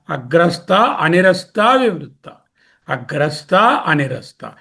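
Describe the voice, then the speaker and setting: Slow, gravelly man teaching scripture. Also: on the high side, fairly bright tone. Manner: patient, explains terms one by one with repetition. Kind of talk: explanatory scripture lecture.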